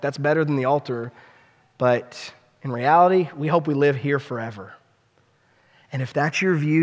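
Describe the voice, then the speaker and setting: A male pastor preaching a sermon, building to impassioned pleas and then dropping to a quiet prayer. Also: mid-range voice. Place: church sanctuary. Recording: long hall reverb.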